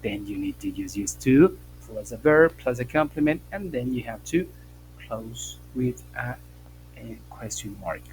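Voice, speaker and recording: A man's voice: mid-range voice, animated, slow pace, darkish tone, rough recording. A man teaches an English grammar class online, explaining patiently and repeating key points. He checks in with his students again and again. A faint hum sits under his voice.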